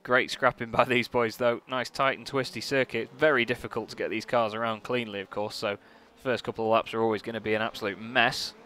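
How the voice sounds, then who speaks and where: Bright-voiced male motorsport commentator over car noise. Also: medium pitch, fairly quick, hardly any pauses. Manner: motorsport commentator delivery, excitable at incidents, casual and chatty. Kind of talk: live race commentary on an online sim racing event. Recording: noisy, car engine sound behind. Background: racing car engines.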